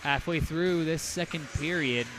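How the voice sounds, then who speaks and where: A man doing play-by-play commentary on a hockey game, with rapid calls that surge loud on goals. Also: fairly high pitch, over music. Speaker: play-by-play announcer.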